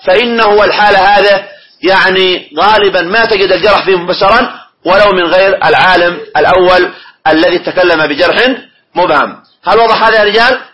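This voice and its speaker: Male classroom teacher, high and bright tone, reads and explains, keeps checking students with questions. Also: brisk, poor audio. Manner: quizzes students with prompting questions. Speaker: teacher of hadith studies. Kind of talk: classroom lecture, reading a text and explaining it.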